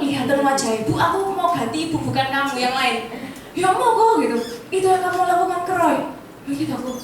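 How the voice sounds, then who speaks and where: A woman tells a personal story in casual talk, acting out the dialogue with lively voices and laughing often. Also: high-pitched. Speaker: insurance agent leader sharing her story. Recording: roomy, distant mic with faint background noise.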